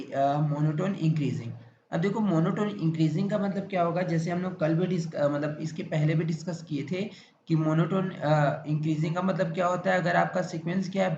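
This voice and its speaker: A man with an Indian accent lectures a maths class, his voice sitting fairly high. He repeats points and fires questions at the students, then answers them himself. The sound is roomy and echoey, a little muffled, with faint background noise. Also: vocal fry, a little mellow. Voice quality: repetitive, drawn-out explanatory delivery. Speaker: maths teacher.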